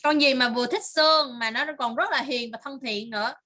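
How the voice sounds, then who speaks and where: A woman's voice: high-pitched, a little fast, pushed and bright. A woman teaching English to a child online, patiently repeating words and praising answers.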